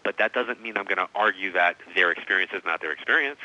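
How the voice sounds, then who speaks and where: A man in his forties speaks emphatically as an interview guest, his voice strikingly sharp and bright and sitting a bit low. The sound is dull and muffled, like an old radio feed. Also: fast talker. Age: 40s. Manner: emphatic, storytelling. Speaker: psychic medium guest. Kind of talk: interview conversation. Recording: dull radio-style audio.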